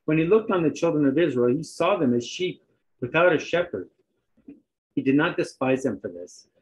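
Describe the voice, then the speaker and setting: A man preaching a sermon, reading scripture aloud and pausing in turns for an interpreter. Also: fairly high pitch, expressive, rough recording.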